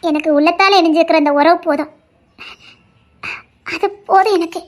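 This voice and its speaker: A woman's voice: very high voice, fairly even intonation, moderate pace. A woman voicing a stubborn, loving young wife in an audio drama, talking earnestly and insistently. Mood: devoted, pleading.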